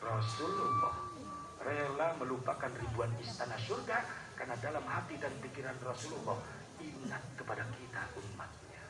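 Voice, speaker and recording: A man with a Sundanese accent preaching a sermon at a large religious gathering, moving from soft storytelling to loud, dramatic cries. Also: medium pitch, sing-song, normal speed, over music. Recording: echoey hall with crowd noise.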